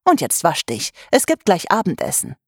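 A woman's voice: lowish voice, wildly swooping pitch, normal speed, slightly rough, no room sound, clean studio sound, full character voice. A woman reading a stern, blunt mother. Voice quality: blunt, scolding. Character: stern, practical mother, middle-aged woman. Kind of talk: audiobook character voice.

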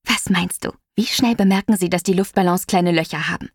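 A woman voicing an excitable teenage girl, the narrator's clever best friend, who lays out plans eagerly and a little breathlessly. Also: lowish voice, a little fast, dry recording, clean studio sound.

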